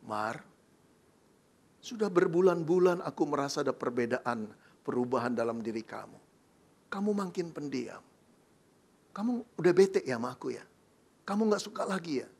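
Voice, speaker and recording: A man's voice: very high-pitched, fairly even intonation, normal speed, voice pushed up. A man preaching, voicing a worried young man confronting his fiancée. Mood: soft, suspicious.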